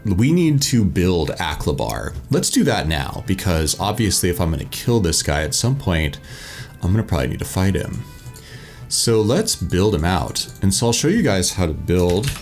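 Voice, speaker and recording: A man with a low voice hosts a solo tabletop live play. He thinks aloud informally as he explains rules and moves. Faint music runs underneath. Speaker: solo tabletop game player and host.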